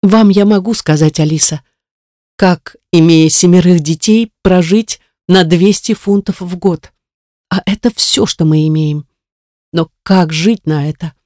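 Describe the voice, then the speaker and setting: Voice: mid-range voice, unhurried, darkish tone, no room sound, clean studio sound, close to an everyday voice. A reader voicing an anxious mother, grieving over her sick son and pleading tearfully, in an audiobook. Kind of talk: audiobook character reading.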